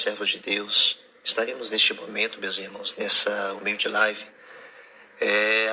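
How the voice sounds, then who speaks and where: Male preacher, low flat gravelly voice, bright edge, faint noise behind. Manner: fervent, peppered with amens. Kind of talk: livestreamed sermon.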